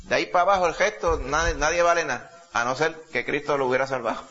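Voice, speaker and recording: A man's voice: a little high, fast talker, bright, forceful tone. A man preaching a sermon, emphatic and full of rhetorical questions to the congregation. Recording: dull lo-fi recording.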